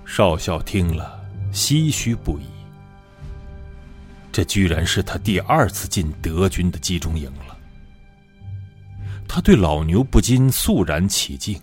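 A man narrating a dramatic story in an expressive way, building up in the tense moments. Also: deep voice, breathy edge.

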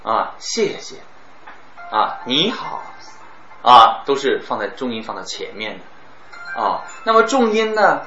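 A man teaching a class on speaking, lively and demonstrating words with exaggerated stress and pauses. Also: mid-range voice. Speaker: speech teacher. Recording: roomy, dull, some background noise.

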